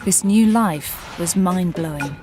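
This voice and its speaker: A woman giving scripted documentary narration in a measured, even way. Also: fairly low pitch, music in the background.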